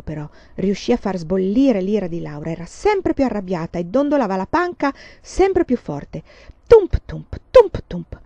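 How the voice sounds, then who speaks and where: Woman, audiobook reader, expressive storybook narration, muffled lo-fi sound, dead-dry room. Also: mid-range voice, dry recording. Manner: expressive, dramatic reading. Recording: dull, dry lo-fi recording.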